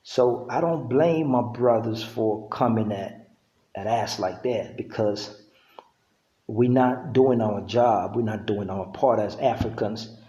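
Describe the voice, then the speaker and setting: Middle-aged man, unhurried vlog monologue with a dark, mellow tone, recorded in an echoey room. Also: mid-range voice. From Uganda. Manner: laid-back, conversational, with frequent "you know what I'm saying". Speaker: vlogger. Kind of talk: casual monologue to camera.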